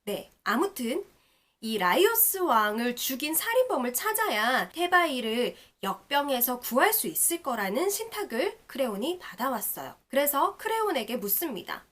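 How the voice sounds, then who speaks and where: Brief: a woman lecturer retelling a tragedy, voice somewhat high, very lively intonation. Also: normal speed. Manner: animated storytelling, acting out quotes. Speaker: actor explaining classic plays. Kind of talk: storytelling lecture.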